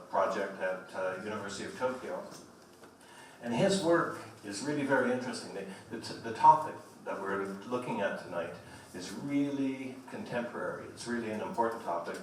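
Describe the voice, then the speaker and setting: A man hosting an evening lecture, giving a formal but loose introduction in a halting manner with repeated phrases. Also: fairly low pitch. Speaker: host introducing a guest speaker. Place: large echoey indoor room at a public lecture. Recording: echoey hall, distant mic, faint noise.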